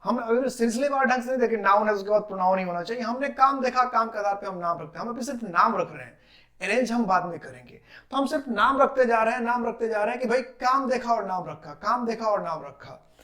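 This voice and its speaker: A man teaching English grammar in a classroom lecture. He asks questions, answers them himself and repeats key terms slowly. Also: high voice, lively intonation, fairly bright tone. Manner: drills terms with repetition.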